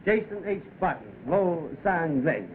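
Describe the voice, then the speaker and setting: A brash, high-voiced newspaper reporter. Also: male voice, expressive, takes it slowly. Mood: cocky, probing. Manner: slangy, cocky, pushy. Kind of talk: 1930s film acting. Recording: tinny, noisy old film soundtrack.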